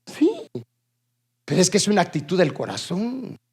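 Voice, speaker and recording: A man preaching a sermon to a congregation. He keeps asking the room questions and calling for responses, swinging between loud bursts and low asides. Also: wildly swooping pitch, moderate pace, husky. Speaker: pastor. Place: church.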